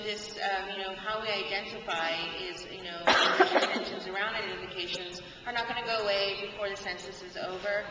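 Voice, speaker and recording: A woman's voice: medium pitch, recorded from a distance. Woman panelist in a noisy echoey hall. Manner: earnest, halting with many fillers. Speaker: conference panelist. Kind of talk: panel discussion answer. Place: conference panel room. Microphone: camcorder from the audience.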